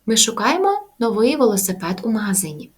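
Slightly high-voiced woman teaching English. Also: big pitch swings, a little hiss or hum. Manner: slow, careful pronunciation of example words. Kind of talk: language lesson.

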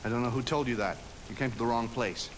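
A man's voice: medium pitch, fast talker, close to an everyday voice. An actor playing a guarded, formally polite middle-aged man in a video game drama. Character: guarded, courteous bearded man hosting strangers. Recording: roomy, quiet game audio with noise.

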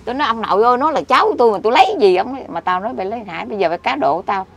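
A middle-aged woman with a Southern Vietnamese accent, rambling excitably and scolding in a street conversation. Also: a little high, racing, vocal fry. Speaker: interviewee. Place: outdoors by a street. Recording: loud street traffic behind.

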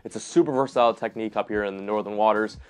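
A man's voice: lowish voice, rapid-fire, clean tone. A young man hosting his own fishing channel, talking casually and enthusiastically through his rods and reels in a home studio, with slangy asides. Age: young adult. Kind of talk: casual gear review talk. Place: indoor home studio room.

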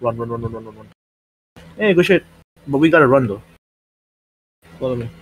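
Husky man barking squad orders. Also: mid-range voice, expressive, moderate pace, narrow, tinny audio. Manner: barks repeated orders, swears a lot. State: out of breath. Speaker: squad leader giving commands. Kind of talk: gaming voice chat.

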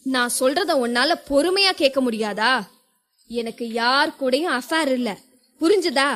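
A woman's voice: high voice, moderate pace, natural voice. Woman reading an angry young husband. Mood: angry, scolding. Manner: clipped, forceful scolding. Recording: long hall reverb.

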